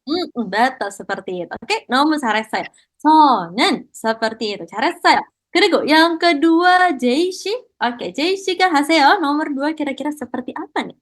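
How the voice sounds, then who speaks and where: A woman's voice: high voice, animated, very fast. A woman teaching Korean in an online class, encouraging students and mixing Korean praise into her explanations.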